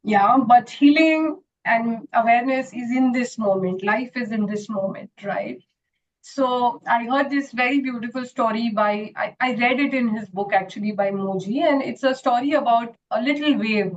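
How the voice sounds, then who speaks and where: Brief: woman guest, earnest and filler-heavy, slightly high voice, muffled recording. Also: moderate pace. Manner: earnest, with many "you know" fillers. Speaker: guest, retreat founder and homeopath. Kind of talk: interview answer and storytelling.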